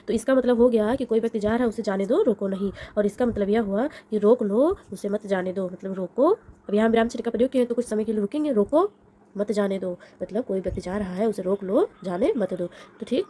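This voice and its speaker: A young woman teaching an exam-prep lesson, explaining step by step and often pausing to check with a quick "okay". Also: mid-range voice, mellow, slightly rough.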